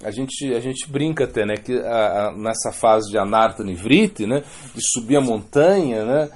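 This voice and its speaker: Lively, mellow-voiced Brazilian preacher. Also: male voice, mid-range voice, normal speed. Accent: Brazilian Portuguese. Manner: conversational, keeps adding "né?" and restarting phrases. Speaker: devotional speaker. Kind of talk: spoken religious talk with storytelling.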